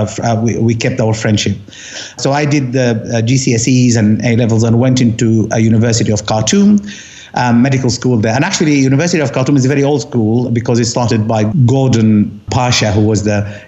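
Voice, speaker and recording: A man's voice: medium pitch, darkish tone, muffled recording. A man from Sudan, a doctor in his fifties, speaking as an interview guest in a thoughtful conversational way, with frequent restarts. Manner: thoughtful, many restarts and fillers.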